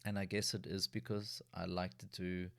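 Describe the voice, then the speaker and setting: A man's voice: low-pitched, little pitch movement, moderate pace, creaky, fairly bright tone, no echo, studio quality. A man talking casually and at length in a diary vlog, rambling with frequent restarts. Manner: rambling, with many restarts and yawns. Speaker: vlogger. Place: lives in a city in Germany.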